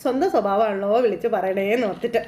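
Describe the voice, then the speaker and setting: A woman casually retelling a TV serial episode in a chatty, animated way with frequent asides. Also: medium pitch, quick pace, reverberant, slight background noise. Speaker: serial recap narrator.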